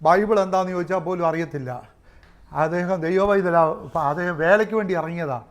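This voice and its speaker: High-voiced shouting pastor. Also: male voice, a little fast. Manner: swings between shouting and near-muttered asides, with tongues and exclamations. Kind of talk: Pentecostal sermon.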